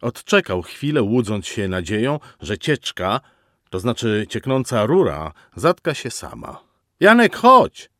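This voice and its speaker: A man narrating a story in an ironic, expressive reading style. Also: lowish voice, measured pace, no echo, studio quality. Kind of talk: scripted storytelling.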